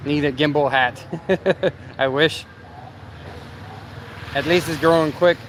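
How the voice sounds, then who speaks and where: A man's voice: on the high side, fairly even intonation, takes it slowly. A man chatting casually on a livestream while out in a city at night, rambling and answering the chat with lots of fillers. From Canada. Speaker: vlogger livestreaming. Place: city street at night, on a bicycle. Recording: street noise behind, outdoors.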